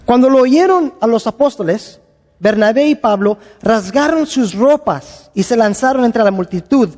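A man preaching, his voice sitting unusually high for a man. He reads scripture and acts out the people he quotes with lively energy. A long reverb trails each phrase, as in a church hall. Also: moderate pace. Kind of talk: sermon with Bible reading.

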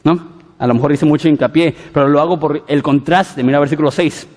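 A man preaching a Bible-teaching sermon in an expressive way, often stumbling and restarting words. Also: fairly high pitch, fairly quick, long reverb tail. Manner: expressive, with frequent stutters and restarts.

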